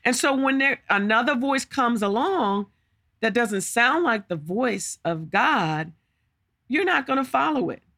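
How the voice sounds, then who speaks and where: A woman's voice: on the high side, animated, measured pace, a bit bright, no echo, studio quality. A woman preaching a podcast sermon, emphatic and full of rhetorical questions and repeated words.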